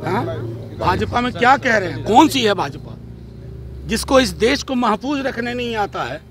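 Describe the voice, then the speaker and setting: A man's voice: extremely high pitch, animated, normal speed, fairly bright tone, slight background noise. A man, a party spokesperson giving a combative, sarcastic statement to reporters.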